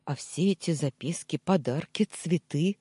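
A reader voicing a frightened young woman who pleads and protests, in an audiobook, plaintive and husky. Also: medium pitch, measured pace, mellow, no echo, pitched above the performer's own voice. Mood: pleading. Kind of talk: audiobook dialogue reading.

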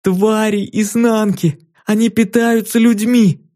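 A sobbing little girl locked in a cage pleads for rescue in a high, trembling voice, as a male storyteller puts her on. The tone sits on the mellow, dark side and the delivery is urgent and tearful, as in an audiobook for children. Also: little pitch movement, slow. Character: frightened little girl captive, about nine.

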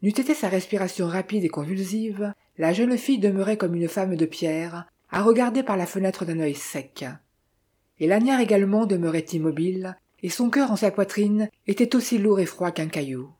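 A woman reads a classic novel aloud as scripted narration, measured and literary. Her voice is mellow and darkish, with a soft huskiness to it. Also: medium pitch, slightly rough. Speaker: audiobook reader.

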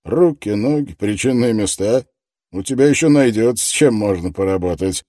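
A man's voice: fairly low pitch, animated, moderate pace, warm tone, dry recording, studio quality, voice pushed up. A man voicing a sardonic male police detective who mocks and presses a suspect in blunt slang, raised above his narrating voice. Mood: menacing mockery.

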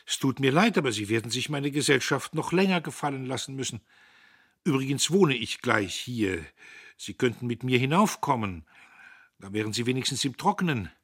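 A man's voice: medium pitch, expressive, moderate pace, fairly bright tone, husky, no echo, clean studio sound, pitched above the performer's own voice. A man reading aloud, voicing a pompous, cowardly young man who speaks in a raised, insistent, self-satisfied way. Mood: boastful.

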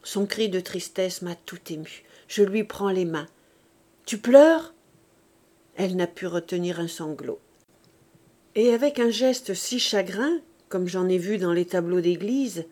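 A woman reading a novel aloud as an audiobook narrator. Her delivery is measured and expressive. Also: on the low side. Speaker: audiobook reader.

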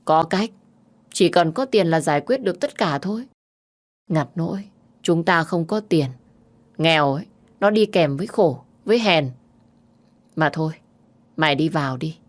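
A blunt middle-aged country aunt with a low voice and coarse, familiar speech, as a woman storyteller puts her on. She talks plainly and gruffly about hard things. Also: expressive, normal speed, pauses often.

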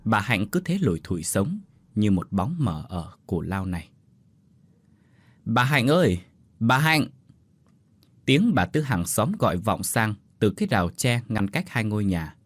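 A man narrating a scripted ghost story with an expressive, dramatic delivery. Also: lowish voice, dry recording.

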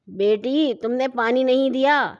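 A woman's voice: high-pitched, dull audio, natural voice. Drowsy dad in a kids' audio story, grumbling and half asleep, read by a woman. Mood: sleepy. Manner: sleepy, grumbling. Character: drowsy father grumbling from his bed.

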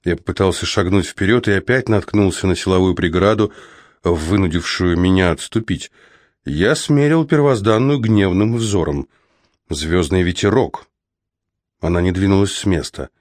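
A man narrating a first-person fantasy audiobook in a measured, steady manner. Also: sits low, no echo, studio quality.

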